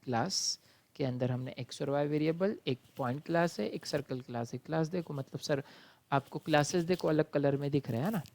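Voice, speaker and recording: A man from India, a college lecturer teaching programming, who explains patiently step by step, calls his students "beta" and reads exam questions out slowly. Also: fairly high pitch, creaky, darkish tone.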